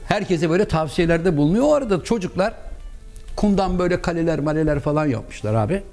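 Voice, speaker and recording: Lively man telling comic stories. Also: fairly high pitch, fast, soft background music. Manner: lively, acts out other people's voices. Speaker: actor telling anecdotes. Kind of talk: comic storytelling.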